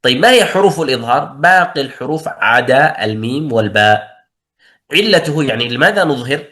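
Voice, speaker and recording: A man's voice: medium pitch, a bit bright. A man teaching tajweed in a classroom lesson, explaining methodically and posing and answering his own questions.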